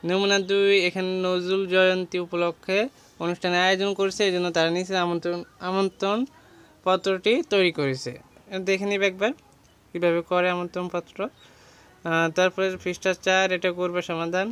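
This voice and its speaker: A man's voice: high-pitched, little pitch movement, moderate pace, fairly bright tone, smooth. A young man teaching an exam-preparation lesson, going page by page through a textbook and listing words with their meanings.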